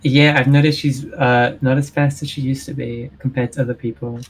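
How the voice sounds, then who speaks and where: A man with an average-pitched voice plays in a tabletop role-playing game. He talks casually, with wry and exasperated banter. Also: flat delivery, a little fast, faint music behind.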